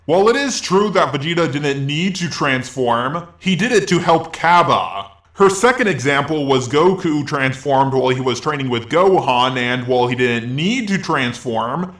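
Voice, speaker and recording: A sarcastic, argumentative man talks through a commentary video, his voice sitting a bit high. He sounds like he's in a room with a noticeable echo, and he rebuts each point with mock disbelief. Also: fairly bright tone. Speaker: commentary YouTuber. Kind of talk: reaction commentary.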